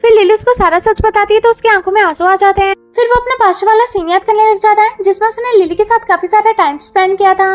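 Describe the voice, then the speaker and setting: A woman narrating a drama recap in brisk storytelling, voicing each character's lines in turn. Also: very high-pitched, soft background music. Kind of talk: fast scripted story recap.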